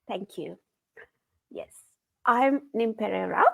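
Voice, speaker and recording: A woman's voice: medium pitch, expressive, slow pace, gravelly, no room sound, low-quality recording. A woman in her thirties from Sri Lanka, a guest on an online call, talking earnestly about her life and work. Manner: earnest, non-native phrasing, soft laughs. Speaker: guest, engineer. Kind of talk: casual interview chat. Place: home.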